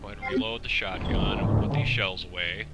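Low-pitched and gravelly, this man speaks briskly in a steady tone, offering profane, meandering commentary on a game while his voice fades. It's a lo-fi let's play recording with game music beneath.

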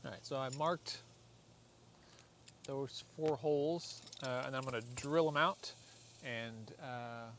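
An American man in his forties vlogs a product installation as a casual how-to, rambling and poking fun at himself. His mid-range, slightly bright voice moves slowly with frequent pauses. Recorded on a camera or phone mic from arm's length to a few feet, in a driveway and a parked car, the audio is noisy with clear ambient sound.

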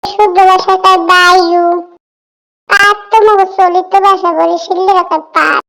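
A patient cartoon mother with a Barishal accent, speaking in a very high, squeaky voice. She explains things plainly and matter-of-factly. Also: little pitch movement, unhurried, creaky, bright, forceful tone, heavily acted. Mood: explaining. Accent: Barishal dialect of Bengali. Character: patient mother explaining words to her child. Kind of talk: comic cartoon dub.

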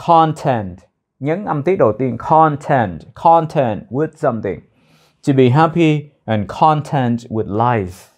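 Man drilling English phrases slowly. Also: medium pitch, animated, darkish tone. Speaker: English teacher. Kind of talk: explaining English phrases in a lesson.

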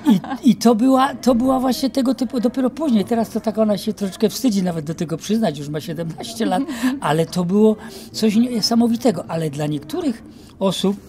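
Reminiscing older man, outdoors. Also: high-pitched. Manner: reminiscing, lively with many pauses and fillers. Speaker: actor interviewee. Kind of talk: casual interview. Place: outdoor garden courtyard. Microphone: handheld mic held by interviewer.

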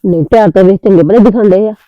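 A woman's voice: medium pitch, dry recording, dull audio, lightly acted. A woman playing a pushy village neighbour. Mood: complaining. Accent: Punjabi. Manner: rapid complaining. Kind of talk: village drama acting.

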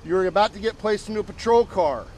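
A man's voice: high-pitched, fast, a little mellow, a little hiss or hum, low-quality recording. A man working as a police officer, giving curt, scolding commands during an arrest outdoors, recorded on a body camera. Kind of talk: stern orders during an arrest. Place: outdoors by a patrol car.

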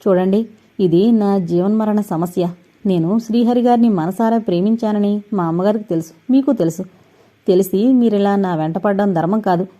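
Give me a woman playing a determined young heiress, earnest and pleading, with a dark, warm tone. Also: mid-range voice, normal speed, close to an everyday voice.

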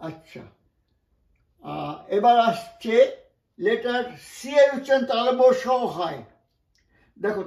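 In a reverberant recording, the West Bengal man's high voice carries a classroom pronunciation lesson. Patient and word-by-word, he frequently breaks off for asides.

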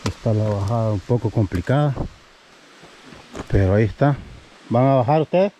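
A man in his thirties films a family hiking vlog on an action camera held at arm's length, chatting to viewers he calls "mi gente" as he walks and climbs a wooded trail, a little out of breath. His voice is lowish and dark, at a moderate pace. The recording is low quality with slight background noise.

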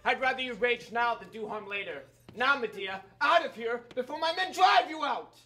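A man's voice: high voice, moderate pace, pushed and bright. A young man acting a stern, commanding king on stage, speaking harshly and with authority. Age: young adult. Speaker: student stage actor.

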